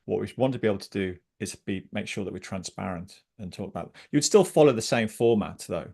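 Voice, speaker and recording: A man's voice: lowish voice, quick pace, vocal fry, slightly rough. Passionate man co-hosting a webinar. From Britain. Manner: passionate, animated, chatty. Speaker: scrum trainer and webinar co-host. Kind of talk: online webinar discussion.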